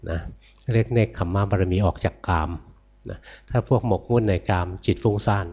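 Older Thai monk giving a gentle sermon. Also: male voice, on the low side, moderate pace, slightly rough, muffled recording. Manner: gentle, repetitive, ends phrases with soft particles; asks the audience questions and answers them. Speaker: Buddhist monk teacher. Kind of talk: dharma sermon.

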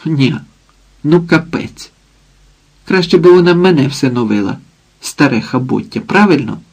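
A man with a gravelly, husky voice voicing a coarse, bossy drunken village mother who nags and threatens her daughter. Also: a little high, lively intonation, unhurried. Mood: scolding, coarse. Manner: crude, nagging, threatening.

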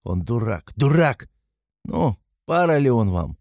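A man voicing an excitable, tipsy young man who rants passionately in an audiobook reading. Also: medium pitch, slow, no echo, clean studio sound. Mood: flustered. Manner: ranting, passionate, exclamatory.

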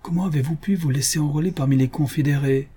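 A man voicing a brisk young frontier scout who gives curt orders, in a read-aloud adventure story. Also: fairly high pitch, mellow, slightly rough, pitched above the performer's own voice. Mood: stern.

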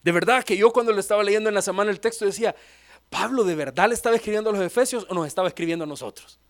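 A man's voice: high-pitched, racing. A male pastor preaching a sermon in an emphatic, pleading way, acting out quotes.

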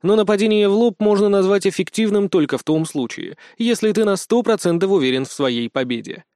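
A man narrating a first-person fantasy novel in a measured, expressive reading. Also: sits high, dry recording, clean studio sound. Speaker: audiobook narrator.

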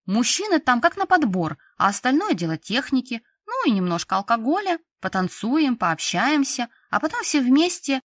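A woman's voice: sits high, big pitch swings, moderate pace, hardly any pauses, dry recording, clean studio sound, voice pushed up. A woman voicing a cheeky, eager young teacher. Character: cheeky young female teacher, nervous but bold.

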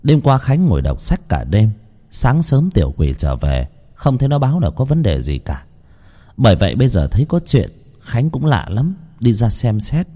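A man narrating a horror story in an expressive, dramatic reading. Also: medium pitch, normal speed.

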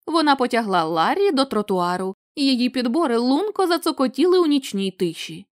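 A woman narrating a short story as an audiobook reader, in an expressive, animated way. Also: high voice, fairly quick, dry recording, clean studio sound.

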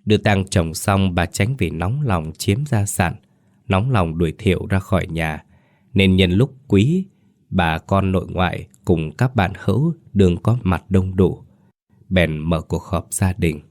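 Deep-voiced solemn male storyteller. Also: measured pace, a little mellow, dry recording, studio quality. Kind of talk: scripted audiobook narration of a ghost story.

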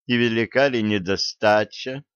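Man putting on a stern queen, sharp, mocking, raised voice, dull recording. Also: fairly low pitch, a little slow, clean tone, dry recording. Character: stern sharp-tongued tsaritsa, adult woman.

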